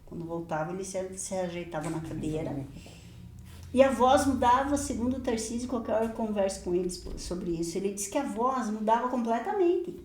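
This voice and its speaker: A woman pastor recounts a personal story in an animated, chatty way, breaking into laughter and acting out the voices in it. Her voice sits at a medium pitch and sounds roomy, with a clear echo around it. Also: a little fast, a little hiss or hum. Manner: lively storyteller, laughs often, acts out dialogue. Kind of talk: telling a personal testimony in podcast chat.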